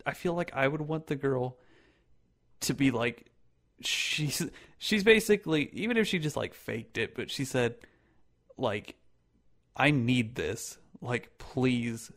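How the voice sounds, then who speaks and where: A young man chatting casually, laughing often and swearing freely. He talks in hesitant bursts full of fillers, in an ordinary mid-pitched voice. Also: expressive, a little slow, a bit bright. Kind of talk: casual chat.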